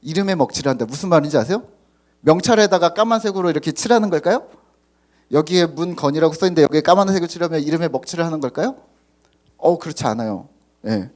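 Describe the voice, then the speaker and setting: Middle-aged male pastor, animated delivery with a higher voice; chatty sermon in a church, keeps quizzing the pews and mimics scolding parents. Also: quick pace. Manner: conversational, asks the congregation questions; acts out parents scolding at the table. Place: church sanctuary.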